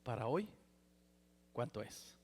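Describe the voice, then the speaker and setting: A Mexican man in his sixties preaching a personal testimony sermon in a church, with a Mexican Spanish accent, swinging from loud exclamations to near whispers. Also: medium pitch, sing-song, slow. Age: 60s. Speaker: pastor. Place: church sanctuary. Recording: reverberant church hall.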